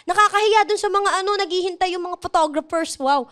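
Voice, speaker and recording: A woman's voice: very high voice, quick pace, a bit bright. A woman in casual chat, animatedly telling the story of her proposal and laughing often.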